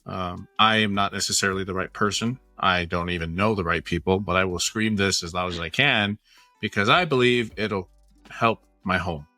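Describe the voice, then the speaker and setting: Bright-toned man from American Samoa. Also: sits low, normal speed, no room sound, soft background music. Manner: rambling, joking, supportive. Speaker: podcast co-host. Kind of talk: casual podcast chat.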